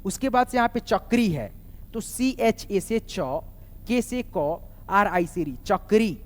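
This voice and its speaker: A man teaching a class lesson. He spells words out slowly, one letter at a time, and keeps asking his viewers questions. His voice carries a long reverb from the room. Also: high-pitched, animated.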